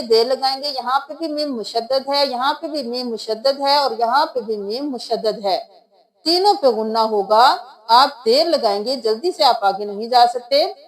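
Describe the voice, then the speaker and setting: A woman's voice: high-pitched, poor audio. A woman teaching Quran recitation step by step, spelling out letters and sounds one by one. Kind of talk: step-by-step tajweed lesson.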